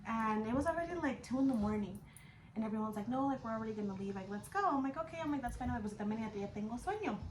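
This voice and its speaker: A slangy woman in her 20s rattles off a personal story in rapid-fire fashion, her voice a little high and animated. This vlogger's casual chat mixes English and Spanish and includes easy swearing. An echoey room and background noise fill the recording.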